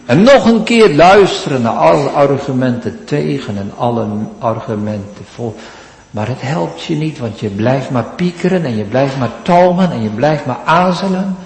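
Male pastor, measured sermon delivery, lively pitch; echoey church recording. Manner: preaching with dramatic pauses and rising emphasis.

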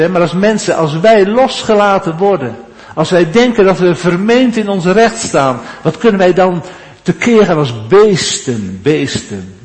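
A man preaching a sermon, repeating his phrases and swinging between hushed, low passages and raised, emphatic ones. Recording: long church reverb.

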